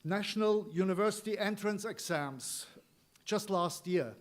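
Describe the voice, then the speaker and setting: A man from Turkey with a Turkish accent gives an informal political speech, halting at times and repeating key points for emphasis. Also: high-pitched. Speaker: rally speaker.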